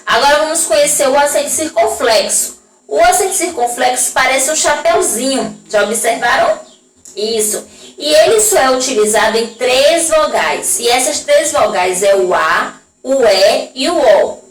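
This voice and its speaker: A woman's voice: high-pitched, lively intonation. Brazilian woman, primary teacher, patient lesson voice, stretches out words, echoey room, voice from a distance. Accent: Brazilian Portuguese. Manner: slow, drawn-out pronunciation of example words; frequent checking tags to the class. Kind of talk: recorded classroom lesson for young children.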